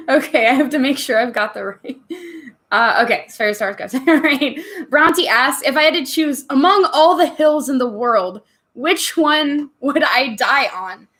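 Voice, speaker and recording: A woman talks casually on a live stream, reading out viewer questions and answering them with lots of laughter. Her voice sits a little high, and she chats loosely while sipping wine between answers. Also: a little slow, fairly bright tone. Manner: giggly, chatty, laughs often between answers; sips wine on stream and jokes about getting tipsy.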